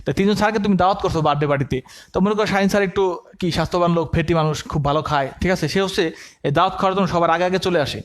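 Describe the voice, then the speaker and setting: Quick high-voiced guy giving a coaching class, keeps quizzing students and answering himself. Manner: asks the class questions and answers them himself, repeats key terms; uses everyday comparisons to explain. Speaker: admission coaching teacher. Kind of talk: online lecture, dictating notes to students.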